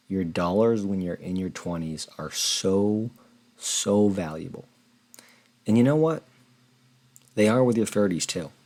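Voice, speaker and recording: Finance host, male, low and husky, earnest casual explainer. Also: darkish tone. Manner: earnest, conversational, repeats words when rephrasing. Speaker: personal finance channel host. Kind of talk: casual explainer walking through a spreadsheet.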